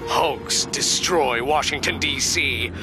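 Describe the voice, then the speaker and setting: A man's voice: slow, lightly acted, low-quality recording. A man playing a smug, scheming supervillain genius in a cartoon, with a pompous, theatrical delivery. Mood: gloating. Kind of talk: animated series voice acting. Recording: loud music and engine rumble behind.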